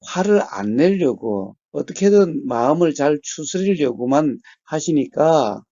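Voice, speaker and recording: A man speaks slowly and steadily as a meditation teacher, answering a caller with patient explanations. His voice is mellow and lively in pitch. The sound is dry and dull, like a muffled call. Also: no echo. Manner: calm, measured, often murmurs short assents. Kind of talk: phone counseling talk.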